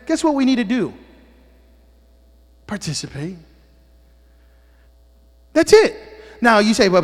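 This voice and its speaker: High-voiced and trailed by a long reverb tail, a pastor gives a sermon to his congregation in a church sanctuary. He speaks Spanish natively, teases people with joking remarks, and keeps checking in with "amen?"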